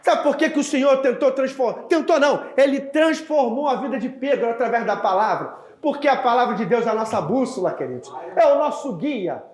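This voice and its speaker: A male pastor preaching a sermon, telling a story with animated acted-out dialogue and often addressing the congregation as dear ones. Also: extremely high pitch, brisk, few pauses, roomy sound. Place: church.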